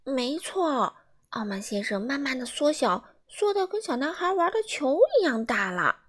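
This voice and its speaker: A woman reading a children's storybook aloud in an animated way, asking the listeners questions. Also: high-pitched, measured pace.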